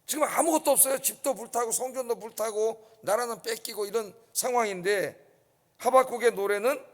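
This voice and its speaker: A pastor with a very high voice preaches a little fast at an early-morning service. He's emphatic, repeatedly engaging the congregation. His words echo with the long reverb of the church sanctuary.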